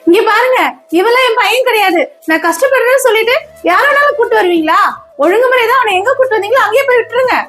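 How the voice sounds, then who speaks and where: A woman's voice: very high voice, expressive, quick pace, a bit bright. A woman playing an emotional, scolding wife in a comedy skit. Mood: indignant. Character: wife, touchy, then tender to the adopted boy.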